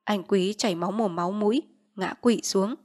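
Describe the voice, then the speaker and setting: A woman reading a novel aloud as an audiobook narrator, in a hushed, grave storytelling manner. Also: mid-range voice, moderate pace.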